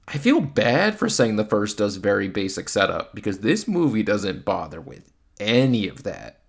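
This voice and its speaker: Over faint music, a man reads his scripted film review with a lowish, gravelly, sing-song voice at normal speed. He's a video host whose take is casual, wry and full of opinion.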